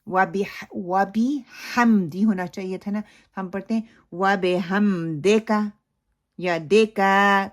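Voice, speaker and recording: A woman teaching Quran recitation. She explains pronunciation slowly and then recites phrases in a drawn-out way. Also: mid-range voice. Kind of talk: recitation lesson with model recitation.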